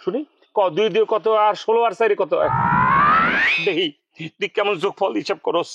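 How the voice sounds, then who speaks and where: A huffy jealous husband. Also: male voice, sits high, normal speed, dull audio, very noisy. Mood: outraged. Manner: theatrical ranting, mocking questions. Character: hot-tempered jealous middle-aged husband, bossy.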